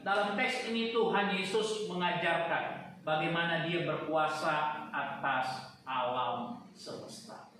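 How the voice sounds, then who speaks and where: High-voiced male pastor in an echoey hall. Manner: swings between hushed and loud emphatic preaching; often addresses the congregation directly. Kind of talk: sermon. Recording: very echoey hall, distant mic, faint noise.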